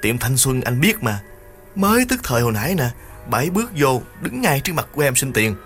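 A man's voice: on the low side, fairly quick, faint music behind, natural voice. A man voicing a frightened young petty thief, pleading and begging his older brother again and again. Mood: scared, pleading. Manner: pleading, repeats "anh hai" over and over.

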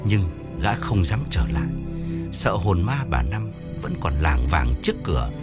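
A man narrating an audiobook story in a steady storytelling manner. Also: low voice, measured pace, over loud music. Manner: steady storytelling, voices each character.

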